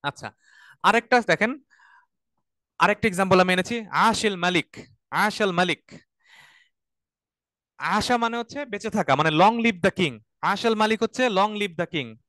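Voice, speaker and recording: High-voiced, clear male Arabic teacher. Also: a bit bright, no echo. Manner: explains step by step, repeats words for students to say after him. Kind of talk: online class lecture.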